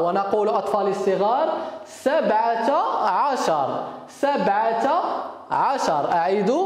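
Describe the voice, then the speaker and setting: A patient primary school teacher walks small children through counting, saying each number slowly and repeating it. The teacher's words of praise come often and sound encouraging. The voice rings out in a hard, very echoey room with a long reverb tail. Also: medium pitch, a little mellow. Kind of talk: recorded math lesson for young children.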